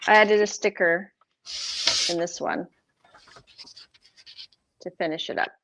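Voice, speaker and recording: Speaking slowly in a lowish voice against a noisy background, a Boston-accented woman hosts a craft livestream. She explains her craft prints casually, rambling and frequently correcting herself amid many fillers.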